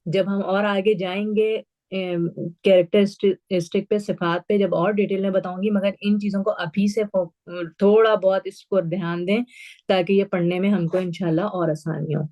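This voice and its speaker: Woman tajweed teacher, patient and clear, repeats sounds slowly for her class. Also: mid-range voice, fairly even intonation, dark tone, dull audio. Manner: mixes English words into Urdu. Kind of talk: online class instruction.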